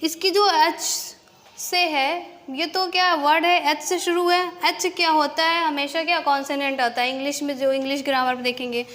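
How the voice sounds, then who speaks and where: A woman's voice: high-pitched, steady tone, normal speed, a bit bright, big-room sound. A woman teaching an English grammar lesson, asking rhetorical questions and answering them herself. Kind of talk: classroom-style grammar lesson.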